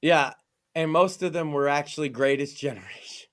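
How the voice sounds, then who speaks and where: A young man hosting a casual podcast chat, mocking and animated, often mimicking others in exaggerated voices. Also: on the high side, moderate pace. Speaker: podcast host.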